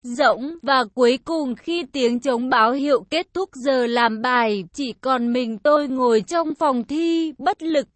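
A woman's voice: high-pitched, measured pace, hardly any pauses, no room sound. A woman reading a first-person story aloud, voicing every character in the same plain voice. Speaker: story reader.

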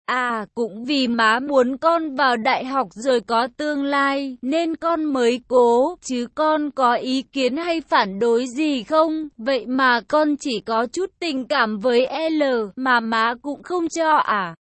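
A woman's voice: high-pitched, slow, hardly any pauses, a bit bright, no room sound. A woman voicing a teenage son who pleads and defends himself to his mother in a read-aloud story. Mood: pleading. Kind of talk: audio story reading.

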